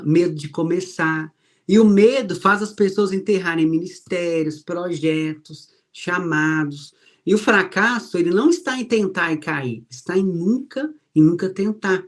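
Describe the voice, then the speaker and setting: A man preaches in a warm, anecdotal style. He slows down for his key points and raises his voice when he acts out the people in his stories. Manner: storytelling, acts out quoted voices with rising pitch. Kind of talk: sermon.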